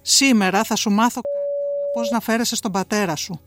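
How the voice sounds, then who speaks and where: A woman's voice: medium pitch, steady tone, lightly acted. A woman voicing a furious abusive father who snarls insults in a dramatic reading. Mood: snarling.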